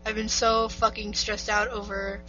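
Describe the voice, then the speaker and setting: A woman's voice: medium pitch, little pitch movement, normal speed, over music. A teenage girl co-hosting a casual chat over an online call, teasing and swearing freely. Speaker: podcast co-host. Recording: muffled lo-fi call with faint hum.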